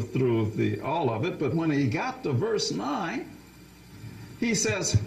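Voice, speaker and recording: A man's voice: extremely high pitch, roomy sound, a little hiss or hum, rough recording. A man preaching a Bible study sermon, often asking his listeners questions and repeating words as he restarts.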